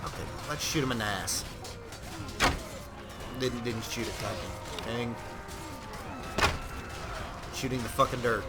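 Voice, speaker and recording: A man's voice: medium pitch, slow, long pauses. Profane man narrating gameplay, rambling. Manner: profane, rambling, bursts of shouting. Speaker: gameplay commentator. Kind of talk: casual gameplay commentary. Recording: loud game music behind the voice.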